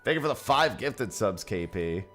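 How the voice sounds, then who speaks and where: A man's voice: on the low side, sing-song, normal speed, music in the background. A man streaming a game over a headset mic, chatting casually and thanking viewers. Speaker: livestreamer. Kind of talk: casual livestream chat while gaming. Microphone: headset mic, livestream audio.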